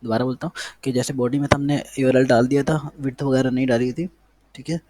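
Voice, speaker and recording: A man's voice: medium pitch, little pitch movement, quick pace, warm tone. A man teaching a casual coding lesson over his screen, thinking aloud as he types and repeating words while he checks the result. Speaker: coding tutor.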